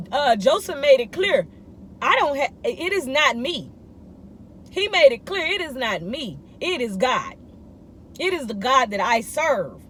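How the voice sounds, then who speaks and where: A woman in her thirties with a high voice delivers a casual morning devotional. She speaks emphatically and repeats short phrases to drive her encouragement home. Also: a little hiss or hum. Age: 30s. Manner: emphatic, repetitive exhortation in informal speech. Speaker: vlogger giving morning encouragement.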